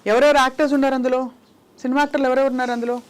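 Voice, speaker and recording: A woman's voice: high voice, flat delivery, racing. A young woman hosting an interview, coaxing and teasing a small child with short questions in a Telugu accent. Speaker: interview host.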